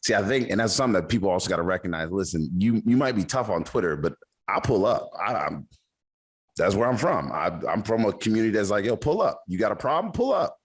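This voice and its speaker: Host, man, lowish voice, easygoing street slang. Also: husky. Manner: relaxed, slangy, quick to laugh along. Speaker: podcast host. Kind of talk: casual interview talk.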